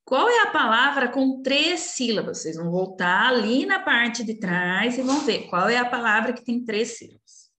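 Woman primary teacher, recorded lesson; high-ish, animated, patient and coaxing; roomy echo. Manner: slow, coaxing, talks down gently to young children. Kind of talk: recorded remote class walkthrough. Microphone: computer recording while sharing screen. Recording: echoey room.

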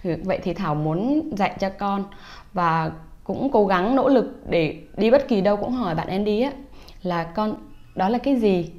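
A woman's voice: medium pitch, lively intonation, a little mellow, highs cut off. Patient woman teaching English phrases. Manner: patient, explains pronunciation slowly, models phrases aloud. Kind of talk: casual instructional talk to parents.

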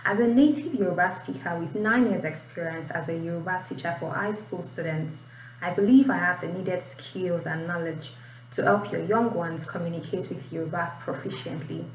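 A young Nigerian-accented woman with a lowish voice speaks at normal speed while teaching IELTS writing informally, alternating explanation with reading aloud. The small indoor room and distant mic make the audio roomy, with a little noise.

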